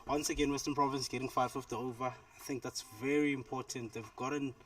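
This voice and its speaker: Measured South African cricket co-commentator. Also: male voice, mid-range voice, fairly even intonation, recorded from a distance.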